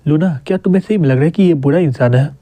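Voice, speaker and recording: A man's voice: fairly high pitch, rapid-fire, mellow, no echo, close to an everyday voice. A man reading a flirty elf village head. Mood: coaxing. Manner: coaxing, forward.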